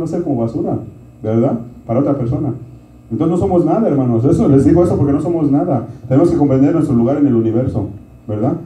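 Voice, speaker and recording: Fast-talking preacher in a roomy hall. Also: male voice, medium pitch, dark tone. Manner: conversational preaching, keeps asking "¿verdad?" and addressing "hermanos". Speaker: pastor. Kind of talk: sermon. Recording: distant, roomy, dull lo-fi sound.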